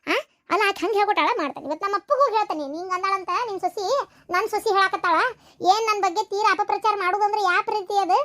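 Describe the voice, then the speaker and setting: A woman's voice: very high-pitched, steady tone, rapid-fire, fairly bright tone. A woman voicing a short-tempered village mother-in-law in a cartoon, scolding and cursing in a North Karnataka accent. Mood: indignant. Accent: North Karnataka Kannada. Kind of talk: cartoon voice acting.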